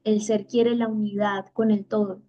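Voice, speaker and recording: A woman's voice: medium pitch, little pitch movement, moderate pace, lo-fi sound, a little hiss or hum. A woman giving a spiritual master class, speaking earnestly and reflectively from her own experience. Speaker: spiritual teacher.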